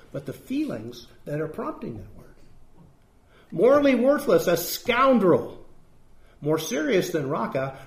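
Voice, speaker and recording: A man preaching a sermon as pastor, emphatic and putting rhetorical questions to his congregation. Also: high-pitched. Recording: echoey room.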